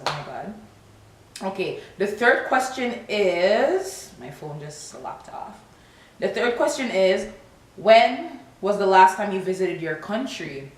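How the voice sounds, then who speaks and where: Answering tag questions for her vlog, a young woman from Toronto chats casually and animatedly, her accent moving between Canadian English and Jamaican Patois. She has a mid-range voice. The audio carries a lot of echo and some background hiss.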